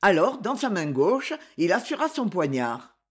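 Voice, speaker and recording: Slow, husky-voiced audiobook narrator. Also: mid-range voice. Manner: slow, expressive storytelling.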